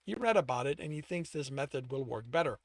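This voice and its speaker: A man's voice: medium pitch, expressive, fast, dry recording, studio quality, close to an everyday voice. A man reading aloud, voicing a blunt young male dungeon runner in a plain, matter-of-fact way.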